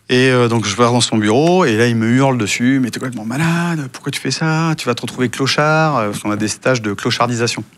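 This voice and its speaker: A man from France tells anecdotes in a relaxed interview, pausing often on fillers. His voice sits low with a gravelly edge, and he acts out the lines of the people in his stories. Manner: relaxed anecdotes with many hesitations, acting out quoted dialogue. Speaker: guest, former intelligence officer. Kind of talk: casual storytelling interview.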